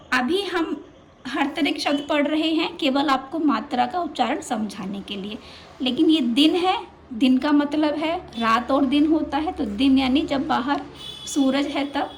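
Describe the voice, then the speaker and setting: A woman's voice: sits high, slight background noise. A woman teaching a children's lesson, patient and drawing out each sound as she repeats it.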